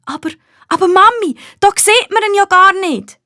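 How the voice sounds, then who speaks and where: A woman with a Swiss German accent voicing an excited, earnest little girl in a children's storybook, high and loud. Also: a little slow, no echo, clean studio sound, heavily acted.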